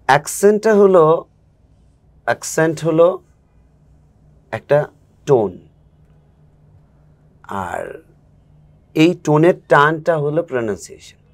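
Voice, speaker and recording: A man's voice: a little high, animated, slow pace, pauses often. A man who coaches spoken English, a guest in a casual interview, explaining patiently and acting out examples.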